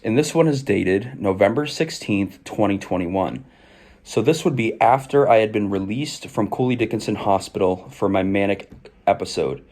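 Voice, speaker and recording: Young male, low voice, articulate personal storyteller reading aloud and explaining. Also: normal speed, a little mellow. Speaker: video creator recounting own past.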